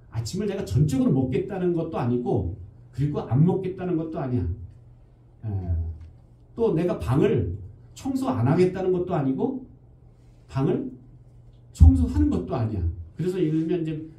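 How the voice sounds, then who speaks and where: A man's voice: fairly high pitch, warm tone. A male pastor giving a conversational sermon in a church, explaining with everyday examples. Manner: conversational preaching with everyday examples and acted quotes. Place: church sanctuary. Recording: roomy church hall, distant mic.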